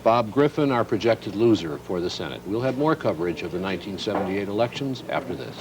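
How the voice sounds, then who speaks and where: A man's voice: lowish voice, animated, fast. An American man anchoring a live television news broadcast. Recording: vintage TV broadcast, faint noise.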